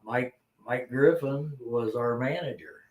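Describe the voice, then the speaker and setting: A man's voice: mid-range voice, slow, crowd noise. A man from Indiana, a former musician, chatting casually in a laid-back, agreeable way with folksy grammar. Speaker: podcast co-host, former musician. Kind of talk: casual reminiscing chat. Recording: echoey room.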